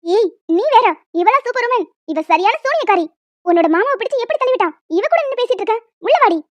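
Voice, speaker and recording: A woman's voice: extremely high pitch, very fast, no room sound. A woman doing a furious, threatening cartoon housewife. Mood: angry. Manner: harsh, shouting, insulting tirades. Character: fierce scolding housewife, hot-tempered and threatening. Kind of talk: animated cartoon voice acting.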